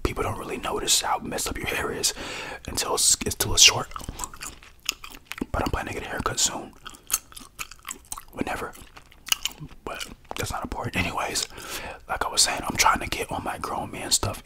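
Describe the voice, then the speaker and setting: A man's voice: fairly low pitch, wildly swooping pitch, fairly quick, pauses often. A young American man giving a casual, slangy, rambling ASMR whisper close to the mic while chewing gum. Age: young adult. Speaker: ASMR creator and podcaster. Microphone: close desktop condenser mic with foam cover.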